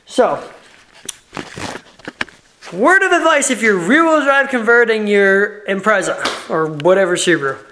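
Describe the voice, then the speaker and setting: A man's voice: high voice, animated, a little slow, long pauses, bright, forceful tone, a little hiss or hum. A man vlogging casually from his home garage as he works on his car. He is tired and out of breath, chats freely, laughs often and keeps apologizing.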